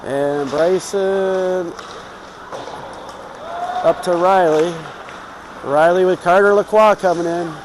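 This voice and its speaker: A man's voice: high-pitched, steady tone, slow pace, pauses often. A man giving informal, home-team live play-by-play commentary on youth hockey. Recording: clear rink noise behind.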